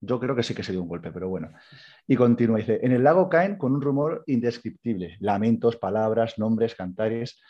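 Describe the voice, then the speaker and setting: Male podcast co-host from Spain, husky, relaxed storyteller who voices his characters, slightly dull recording. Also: fairly low pitch, normal speed. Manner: retells a tale loosely, acting out characters' lines. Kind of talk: casual storytelling.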